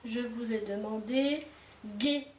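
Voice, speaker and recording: A woman teacher giving a dictation to young pupils, pausing between syllables and speaking slowly and clearly. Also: on the high side. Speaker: primary school teacher. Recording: echoey room, voice from a distance, faint hiss.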